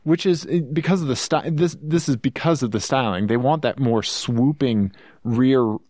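A man's voice: medium pitch, normal speed, darkish tone, dry recording, clean studio sound. A man with a Missouri accent and twang, hosting a casual car review podcast in a rambling, joking way. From Missouri, United States.

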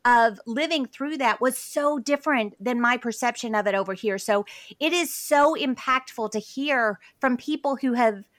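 A woman in her forties with a slightly high, somewhat bright voice hosts a faith podcast, speaking at a normal pace with no echo. Earnest and enthusiastic, she conducts a conversational interview and a sponsor read, using fillers and restarts along the way.

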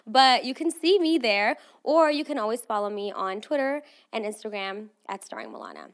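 A woman's voice: on the high side, very animated, moderate pace. A woman in her twenties, born in Armenia with English as her third language, hosting her own podcast in a casual, chatty solo talk with frequent asides to listeners. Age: 20s. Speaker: podcast host.

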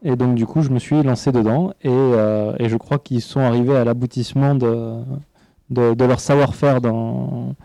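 A man chats casually as a podcast panelist, his voice mellow and relaxed. He talks with enthusiasm, often repeating a word several times while he hunts for the next one. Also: medium pitch, moderate pace, creaky, dry recording. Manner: enthusiastic, repeats words when searching. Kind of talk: casual chat.

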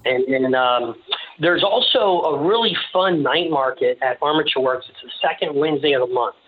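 A male podcast guest talks casually in a halting, rambling, joking way. The recording is narrow and lo-fi, like a phone. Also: fairly high pitch. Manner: jokey, rambling, halting delivery. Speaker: podcast guest, small-business owner. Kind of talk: casual interview chat. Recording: slightly dull, lo-fi sound.

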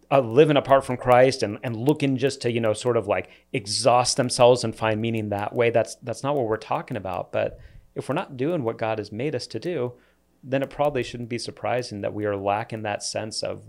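A man's voice: mid-range voice, moderate pace, gravelly, a little mellow. A man, a pastor, talking in an earnest, reflective way in a casual church podcast discussion, often restarting his sentences.

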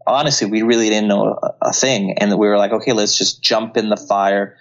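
A man's voice: fairly low pitch, flat delivery, fairly quick, highs cut off. A man from Colombia, a filmmaker guest in an interview, talking earnestly and often restarting his sentences. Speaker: guest, CGI artist and filmmaker. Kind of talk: casual interview talk.

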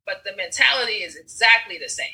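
A woman telling personal stories in casual conversation, animated, acting out scenes and swearing freely. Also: mid-range voice, fast, rough recording. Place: Brooklyn.

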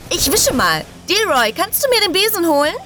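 A woman doing a peppy superhero girl in an audiobook, way up high, bouncy. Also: big pitch swings, moderate pace, sharp tone, faint music behind, exaggerated voice. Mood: cheerful. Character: excitable speedy young superhero woman.

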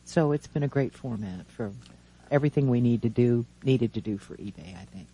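A man in his seventies hosting a radio talk show from a studio, chatting casually in a rambling, halting way with many restarts. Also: medium pitch, mellow, breathy edge.

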